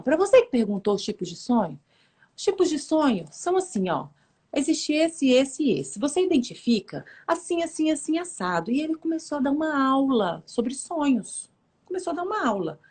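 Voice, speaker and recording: A woman, telling a faith story in a lively, casual way, acting out voices and laughing often. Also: moderate pace. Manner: lively, acts out quoted voices with big pitch jumps.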